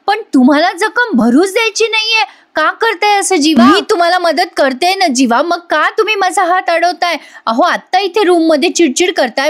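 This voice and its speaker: A distressed young wife begs and protests through near-tears, as a woman acts her out while retelling a TV serial. The voice sits high and climbs higher as she pleads. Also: a bit bright.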